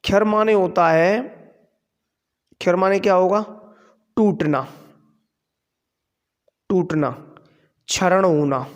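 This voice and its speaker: A man with a high voice gives a grammar lesson at an unhurried pace. He poses questions to the class and answers them himself. A long reverb trails behind his voice, as in a large hall. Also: smooth. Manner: explains slowly, asks and answers his own questions. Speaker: Sanskrit grammar teacher. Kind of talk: classroom lecture.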